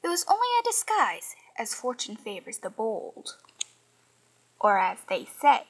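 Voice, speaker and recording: A woman reading a children's picture book aloud in an expressive, sing-song way. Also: on the high side, unhurried, husky, poor audio.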